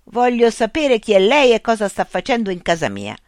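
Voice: medium pitch, huge pitch swings, moderate pace, dry recording, clean studio sound, pitched above the performer's own voice. A reader voicing a stern, irritable father in a fairy tale, demanding and firm in an audiobook reading.

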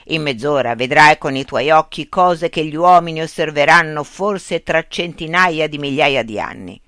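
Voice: mid-range voice, animated, moderate pace, pushed and bright, clear, resonant tone, no room sound, studio quality. A reader voicing a coaxing Santa Claus. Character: boastful mysterious Santa Claus, old man. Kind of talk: audiobook character reading.

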